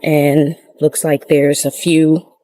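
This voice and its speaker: Slow, low-voiced woman gardening. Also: flat delivery, dark tone, no room sound, poor audio. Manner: chatty, rambling with fillers. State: out of breath. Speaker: gardening vlogger. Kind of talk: casual gardening vlog. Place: outdoors in a home garden. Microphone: camera set up nearby.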